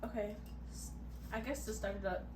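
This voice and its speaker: A woman's voice: medium pitch, steady tone, brisk. Twenties woman host, teasing and playful, recorded far off in an echoey room. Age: 20s. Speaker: podcast host. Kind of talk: casual chat. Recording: roomy, distant mic, background noise.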